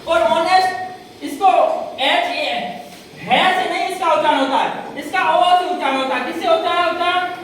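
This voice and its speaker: A woman with a high voice teaches a grammar lesson, putting questions and answering them herself as she repeats each example. She is heard from a distance in a very echoey room, with faint noise behind her. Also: normal speed.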